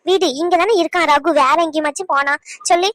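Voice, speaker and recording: A woman voicing a pleading aunt in a cartoon, trying to calm a family quarrel. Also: very high-pitched, fast talker, no echo. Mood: placating. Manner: pleading, placating. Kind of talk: cartoon voice acting.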